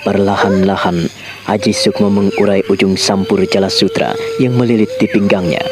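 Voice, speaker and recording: A man narrating a radio drama in a measured, dramatic storytelling manner. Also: on the low side, fairly even intonation. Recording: radio drama with loud music behind.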